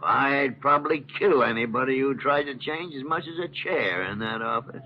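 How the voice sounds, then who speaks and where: An actor playing a gruff, sardonic older male hospital doctor set in his ways, in 1950s radio drama style. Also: mid-range voice, normal speed, natural voice. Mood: fond. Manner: grumbling, sardonic. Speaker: senior doctor. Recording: dull old radio broadcast with faint hiss.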